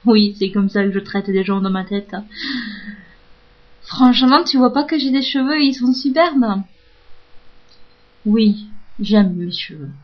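A woman's voice: mid-range voice, expressive, a little slow, pauses often. A woman telling a casual story in a frank, profane, self-mocking monologue. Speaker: audio blogger. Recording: dull lo-fi audio.

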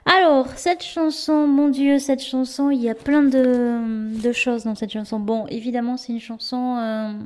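A woman casually explaining a song she sings, hesitant with many fillers, rushing ahead in quick bursts and then trailing off quietly. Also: high-pitched, steady tone. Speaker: singer explaining her own song.

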